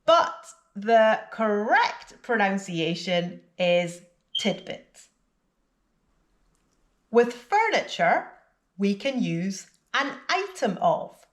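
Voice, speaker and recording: A woman who is a native English speaker, giving a scripted vocabulary lesson with clear, deliberate teaching and repeat-after-me drills. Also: mid-range voice, big pitch swings.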